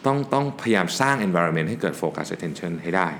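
A man hosting a solo business talk, relaxed and explanatory, dropping English work terms into his speech. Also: low-pitched, normal speed, a little hiss or hum. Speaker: podcast host and business owner.

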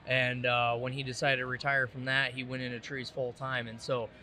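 A man's voice: medium pitch, flat delivery, moderate pace, sharp tone, slight background noise. A man from Iowa who works as a tree care instructor and business owner, telling stories in a laid-back, plainspoken way during a casual podcast chat. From Iowa, USA.

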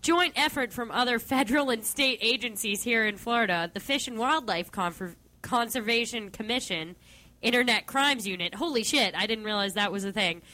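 A woman's voice: on the high side, normal speed, pushed and bright. A woman co-hosting a comedy radio show, teasing and sarcastic in casual banter. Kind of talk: casual comedic banter, reading news aloud.

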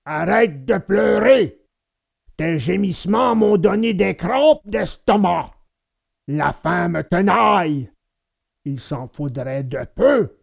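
A man voicing a gruff bearded male puppet master with a hollow, gravelly voice, barking orders though soft at heart. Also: high voice, expressive, slow, exaggerated voice. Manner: barks orders, then softens.

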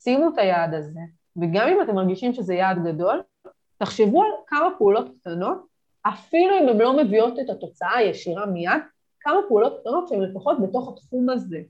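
A woman business coach speaking as a guest on a podcast, giving energetic motivational advice with lively emphasis. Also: medium pitch, dull audio.

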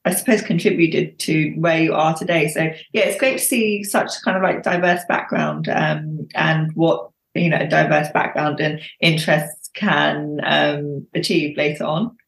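A woman's voice: sits low, steady tone, unhurried, vocal fry, few pauses, reverberant. A young woman hosting a podcast interview, speaking with many fillers and hesitations. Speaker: podcast host.

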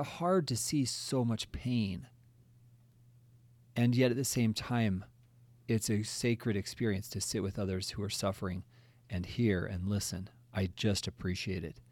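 A man's voice: lowish voice, moderate pace, dry recording. A man who is a therapist, speaking in an earnest, reflective way about listening and empathy. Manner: soft-spoken, earnest and reflective. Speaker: therapist and co-host. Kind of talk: reflective conversation.

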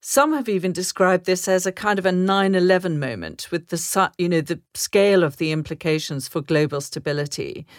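A woman from Zambia co-hosting a current-affairs podcast, giving measured, thoughtful analysis with occasional restarts. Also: lowish voice, dry recording, studio quality. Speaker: podcast co-host.

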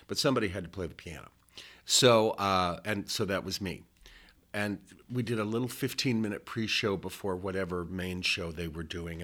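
In an unhurried interview, a man in his sixties reminisces as a guest. His somewhat low, slightly bright voice rambles, drifting off the subject before circling back like a digressive storyteller.

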